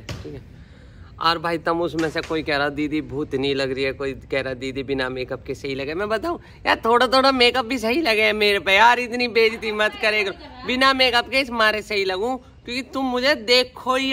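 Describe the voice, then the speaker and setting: A woman's voice: medium pitch, bright, forceful tone. A woman with a Haryanvi accent chatting casually to her viewers in a vlog, calling them brother. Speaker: vlogger.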